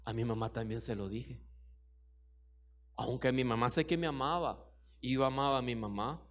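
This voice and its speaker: A man's voice: medium pitch, moderate pace. A middle-aged man preaching a sermon as pastor, emphatic and repetitive, full of rhetorical questions.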